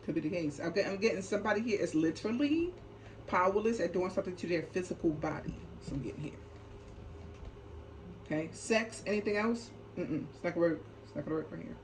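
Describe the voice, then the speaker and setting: Speaking quickly in a lowish, expressive and slightly mellow voice, a woman runs a relaxed, improvised spiritual card reading for her channel as a tarot reader. She's emphatic, circles back over the same points, and keeps checking in with short tags while background noise is plainly audible.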